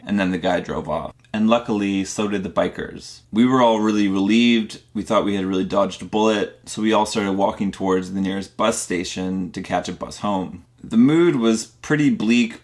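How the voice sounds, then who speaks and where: A young man narrating a personal story in a plainspoken, earnest way, slowing down on the grim moments. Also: lowish voice.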